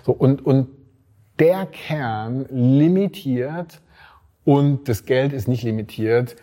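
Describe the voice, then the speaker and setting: A man's voice: medium pitch, slow, warm tone. A man from Swabia, a startup investor talking casually as an interview guest, hesitant with many fillers. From Swabia, Germany.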